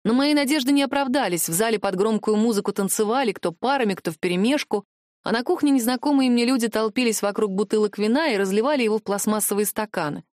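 A woman reading a first-person audiobook in a steady storytelling manner. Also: fairly high pitch, fast, dry recording, clean studio sound. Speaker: audiobook narrator.

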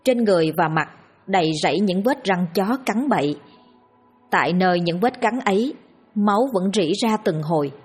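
A woman narrating a scripted horror story in a steady, grim, dramatic manner. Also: mid-range voice, moderate pace, husky, faint music behind.

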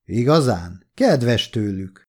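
A man reading an audiobook, voicing a gruff, scornful male partisan commander who talks in blunt, mocking orders. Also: medium pitch, very animated, a little mellow.

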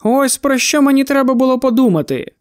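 A brash male monster hunter with a breezy, mocking way of speaking, as an audiobook reader plays him. He gives orders lightly, as if danger amuses him. The voice sits high and is recorded close and dry. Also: animated, a little fast, darkish tone, no echo. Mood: playful. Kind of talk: audiobook character voice.

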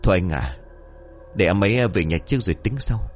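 A man's voice: low-pitched, animated, a little fast, faint music behind. A man voicing a polite young policeman. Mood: calm. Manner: polite, reasonable.

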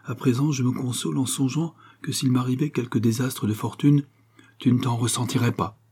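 A man's voice: medium pitch, fairly even intonation, brisk, warm tone, husky, voice pushed up. A man playing a troubled middle-aged painter father, talking lightly and reassuringly over his strain.

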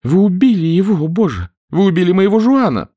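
A man voicing a frightened, furious noblewoman who shrieks and pleads in a high voice. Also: sing-song, fairly quick, darkish tone, dry recording, muffled recording. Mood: despairing. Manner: shrill, impatient, pleading. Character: frightened then furious noblewoman, young adult.

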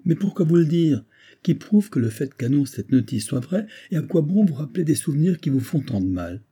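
A man voicing an impulsive, hearty army captain who speaks in excited exclamations. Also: a little high, a little fast, breathy edge, pitched above the performer's own voice. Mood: eager.

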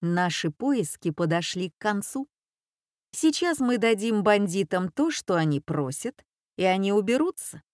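Woman doing a brainy boy in glasses, calm and measured, dry storybook read. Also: medium pitch, no room sound.

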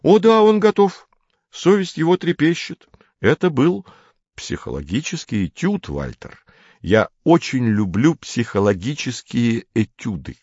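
A man's voice: mid-range voice, big pitch swings, measured pace, dry recording, highs cut off, voice pushed up. A man reading an audiobook, voicing a clever, smug teenage boy who mocks sweetly and sounds pleased with himself. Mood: smug, needling. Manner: sweetly mocking, self-satisfied.

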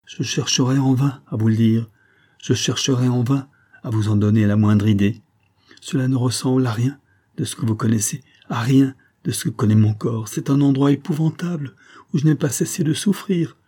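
Audiobook: a scared young woman in a darker, husky, lifted tone, as read by a man, pleading. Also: mid-range voice, moderate pace, dark tone, pitched above the performer's own voice, lightly acted. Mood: anguished. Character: young woman returned from death, frightened and bewildered.

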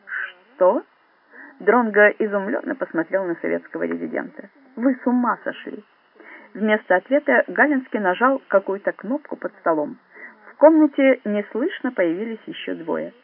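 Expressive male reader, gravelly high voice. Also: normal speed, no echo. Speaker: audiobook reader. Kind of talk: scripted narration of a spy novel. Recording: dry, phone-like narrow sound.

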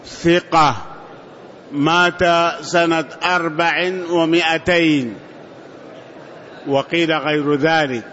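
A man reads a classical text aloud for his teacher in a lesson, slowly and haltingly, tripping over names. His voice is fairly high for a man. The recording is dull and lo-fi. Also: a bit bright. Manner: halting reading, stumbles on names. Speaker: student reading the text aloud.

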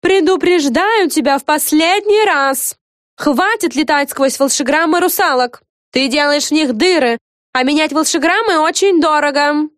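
A woman reading an audiobook, voicing a bored teenage girl museum guide who talks in a flat, bored way. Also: high voice, normal speed, dry recording, studio quality, pitched above the performer's own voice. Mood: scolding. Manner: flat and bored, sometimes scolding.

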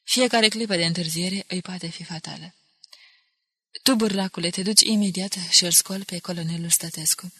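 A woman's voice: lowish voice, steady tone, pushed and bright, husky, exaggerated voice. A woman voicing a resolute young male soldier who takes command and gives firm orders.

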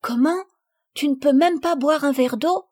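A woman's voice: high-pitched, measured pace, mellow, no echo, studio quality, voice pushed up. A woman voicing a pampered little girl who pleads and exclaims in a storybook reading. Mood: indignant.

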